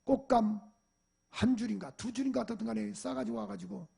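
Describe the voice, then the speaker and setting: High, gravelly-voiced Korean pastor preaching. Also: male voice, fairly quick. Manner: animated storytelling, acting out parents and shouting at a dog. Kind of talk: sermon with personal stories. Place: church sanctuary.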